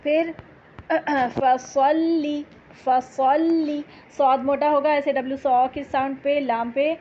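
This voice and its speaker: A woman teaching tajweed, patiently explaining letters and reciting Quranic verses slowly. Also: high-pitched, fairly even intonation, darkish tone, dull audio, a little hiss or hum.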